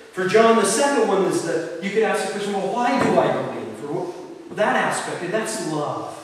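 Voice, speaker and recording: A man, a deacon, teaching scripture to a parish group in an emphatic way, restating points and asking rhetorical questions. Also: fairly high pitch. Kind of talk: church talk, teaching. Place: parish hall or church. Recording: roomy hall, distant mic, faint hiss.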